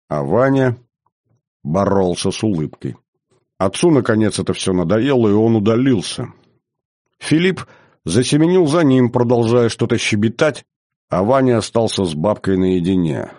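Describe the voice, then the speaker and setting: A man reading a historical novel aloud in measured, even narration. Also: lowish voice, no room sound, studio quality. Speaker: audiobook narrator. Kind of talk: scripted narration.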